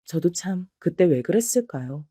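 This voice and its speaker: A woman's voice: on the low side, animated, moderate pace, warm tone, breathy edge, dry recording, studio quality. A woman storyteller reading a first-person story in a confiding, emotional way.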